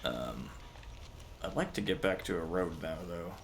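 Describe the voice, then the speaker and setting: A man's voice: sits low, expressive, unhurried. A man chatting casually while hosting a game livestream, bantering in an exasperated way. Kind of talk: casual gameplay chat.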